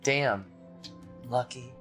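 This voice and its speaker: A woman's voice: rumbling low, extremely slow, music in the background. A woman playing a tabletop game, reacting and chatting casually.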